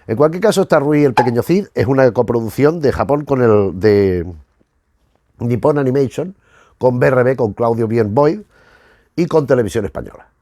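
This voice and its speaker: A YouTube host reviewing retro cartoons gives casual commentary, digressing, circling back and rewording phrases as he hunts for the right one. His average-pitched voice is animated, mellow and moderately paced, in a very dry recording with no room sound.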